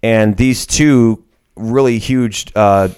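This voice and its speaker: A man's voice: on the low side, slow, darkish tone, smooth. A man co-hosting a casual movie podcast, laughing often and quoting film lines in silly voices. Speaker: podcast co-host. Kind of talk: casual chat ranking movie insults.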